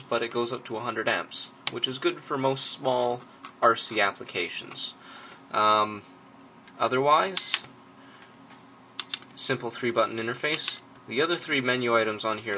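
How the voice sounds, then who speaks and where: A man's voice: mid-range voice, moderate pace, background noise. A young man giving a casual hands-on review of a gadget at a workbench, matter-of-fact, with frequent ums and uhs. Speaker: product reviewer.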